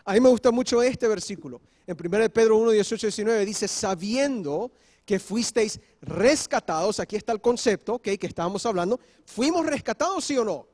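A man's voice: high-pitched, animated, fast talker, few pauses, a little mellow. A male pastor preaching a sermon, explaining step by step and often checking in with the congregation. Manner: switches briefly into English. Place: church.

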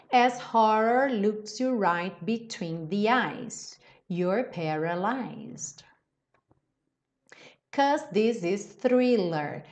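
A Brazilian woman teaching English pronunciation in a measured, unhurried way, with a voice of middle pitch. She reads each line out slowly and clearly, then explains it at a quick clip. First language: Portuguese. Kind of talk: pronunciation lesson.

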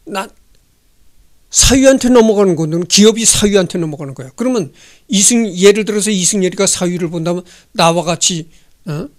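Speaking briskly into a handheld microphone in an indoor room, a history channel host in his sixties gives a casual lecture from a history text at home. His voice sits noticeably high for a man. After reading a line he wanders into chatty commentary, often posing rhetorical questions to his listeners.

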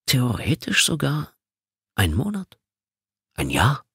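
A man's voice: mid-range voice, huge pitch swings, creaky, fairly bright tone, breathy edge, no echo, studio quality, voice pushed up, exaggerated voice. A man reading an audiobook, voicing a menacing male killer who taunts his victim over the phone. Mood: taunting. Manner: taunting, slow and sneering.

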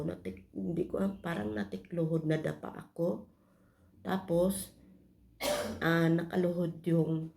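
Low, gravelly Filipina vlogger. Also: female voice, dark tone. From Philippines. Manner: confiding, addresses viewers as guys often. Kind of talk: personal storytelling to viewers.

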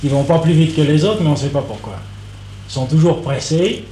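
A man's voice: on the high side, a little fast, warm tone, slight background noise. A local man talking in a casual interview, wry and easygoing. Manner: wry, easygoing, matter-of-fact. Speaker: local resident. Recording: roomy archive recording.

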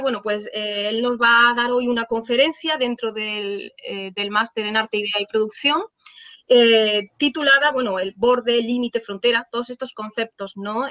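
A woman's voice: fairly high pitch, pushed and bright, dry recording. A woman with an accent from Spain, hosting and giving an informal spoken introduction of a guest lecturer. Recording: dull, lo-fi video-call audio.

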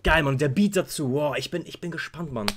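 A young man hosting a music reaction, buzzing with hype and sprinkling English slang through his talk. His voice sits a little high for a man. He sounds like an eager fan talking straight to his viewers. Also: fairly quick, slight background noise. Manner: hyped, gushing, mixes English slang into German. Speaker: reaction video host. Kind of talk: excited music reaction chat.

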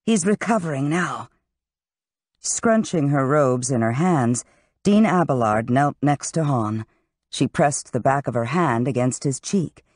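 An audiobook narrator reading a fantasy novel with expressive, varied delivery. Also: mid-range voice, no room sound, clean studio sound.

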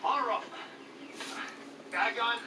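A woman's voice: a little high, a little slow. A woman acting in a TV drama, heard faintly from a television playing in the background, with an emotional, pleading way of talking. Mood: tense. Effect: TV playing in the background of a camper. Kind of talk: TV drama dialogue. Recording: distant TV sound with crowd noise.

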